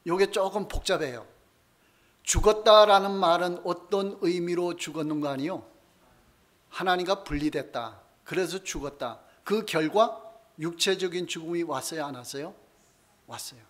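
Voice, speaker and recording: A male pastor gives a Bible study sermon in a church. He asks his congregation questions, answers them himself, and slows down and softens his voice to close each point. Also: sits high. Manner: slows down and drops softer to end key points.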